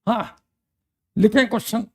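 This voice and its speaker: A man's voice: high-pitched, fairly even intonation, normal speed, fairly bright tone, breathy edge. An older man, teaching a chemistry class in a chatty way, quizzing students and reminiscing between questions. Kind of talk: classroom lecture.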